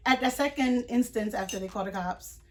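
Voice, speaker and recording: A woman's voice: fairly high pitch, brisk. Young woman ranting on her vlog, chatty and fed up, lots of "like" and "you know". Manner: indignant, chatty retelling with many fillers. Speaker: vlogger. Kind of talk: casual storytime vlog.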